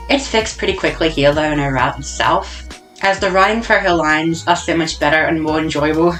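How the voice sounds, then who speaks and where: A woman's voice: fairly low pitch, fairly bright tone. A woman giving a casual voice-over commentary about a video game, rambling along with a sarcastic, jokey manner.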